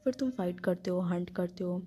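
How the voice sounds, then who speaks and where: A woman's voice: fairly low pitch, moderate pace, warm tone, slightly rough, dry recording. A woman retelling a novel aloud, reading the narration along with the characters' dialogue.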